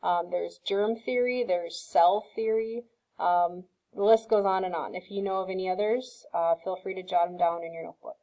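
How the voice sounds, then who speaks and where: A woman's voice: fairly low pitch, fairly even intonation, normal speed, dark tone, poor audio. A woman teacher giving a recorded screen-share science lesson, explaining patiently with frequent ums and checks of "okay?".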